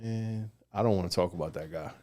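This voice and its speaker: A man co-hosting a casual sports podcast, animated, quick to laugh, with casual slang. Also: low voice. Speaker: podcast co-host.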